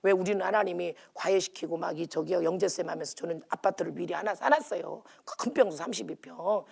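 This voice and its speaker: A woman's voice: vocal fry, slightly rough. Emphatic woman pastor preaching. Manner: emphatic, animated, swings between loud calls and low asides. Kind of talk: sermon with sung hymn lines. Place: prayer retreat chapel.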